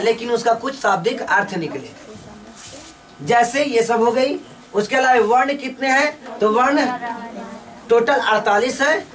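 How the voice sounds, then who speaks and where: A woman teaching a lesson. She asks each question, then answers it herself in slow, repeating drills. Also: on the high side, a bit bright, distant mic. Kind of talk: classroom lesson with call-and-response drills.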